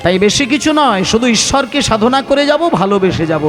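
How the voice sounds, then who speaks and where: A man's voice: high voice, animated, fast talker, fairly bright tone, long reverb tail, soft background music. A man preaching at a devotional kirtan gathering, impassioned and full of rhetorical questions to the audience. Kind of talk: devotional sermon with chanting. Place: devotional gathering with live music.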